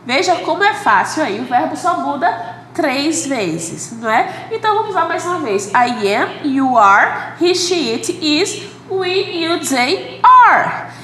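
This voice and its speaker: A high-pitched woman with a Brazilian Portuguese accent teaches a recorded English lesson, explaining slowly and patiently. She checks in with her students after nearly every point. The room is echoey, with a faint hiss underneath. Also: lively intonation, fairly bright tone.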